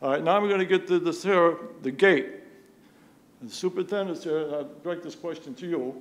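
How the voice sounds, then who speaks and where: Guy at a town meeting mic, kinda high voice, keeps pushing his point. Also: a little fast. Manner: insistent, repeats rhetorical questions. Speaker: resident speaking at public comment. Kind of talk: public comment at a town meeting. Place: town police commission meeting room.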